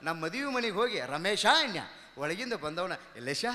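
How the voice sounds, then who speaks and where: A man with a North Karnataka accent performs stand-up comedy, spinning folksy stories and dropping into character voices. His voice sits high and rings bright and sharp. A long hall reverb trails behind every line on the stage recording. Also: moderate pace. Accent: North Karnataka Kannada. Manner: lively folksy storytelling, slipping into character voices. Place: comedy stage before an audience.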